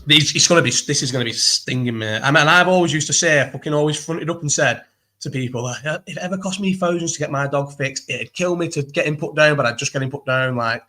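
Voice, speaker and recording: A man chatting casually as a guest, talking fast in a rambling way, swearing a lot and restarting his sentences. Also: on the high side, pushed and bright. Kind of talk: casual chat.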